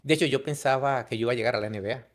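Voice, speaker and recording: A man with a Dominican accent, a guest telling his life story in an interview, halting with frequent restarts. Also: medium pitch. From Dominican Republic. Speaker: guest, business consultant. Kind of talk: conversational storytelling.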